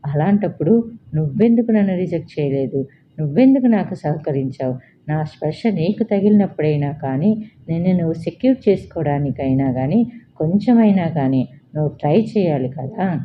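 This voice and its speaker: A woman's voice: sits low, lively intonation, normal speed, a little hiss or hum. A woman doing a stern defensive boss. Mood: angry. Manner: stern, insistent. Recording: slightly dull lo-fi.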